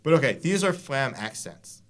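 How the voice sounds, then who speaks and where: A man's voice: medium pitch, very animated, normal speed, very noisy. A man giving a casual drum lesson, explaining loosely with fillers and restarts. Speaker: drum teacher. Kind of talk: casual instructional talk. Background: drum hits between lines.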